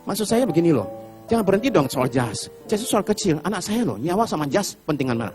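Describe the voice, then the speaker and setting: A middle-aged man preaching a sermon, telling Bible stories in an animated way and acting out the characters. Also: high-pitched, fast, music in the background. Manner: animated storytelling, acts out Bible characters with shouted pleas. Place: church hall.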